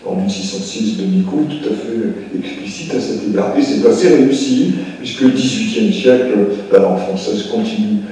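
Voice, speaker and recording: An older man gives a public lecture, explaining patiently and pausing often on hesitant fillers. His voice is mellow and dark. He is heard from a distance in a large, echoing hall with a long reverb. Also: on the low side. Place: hall of a town hall. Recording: echoey hall from far off.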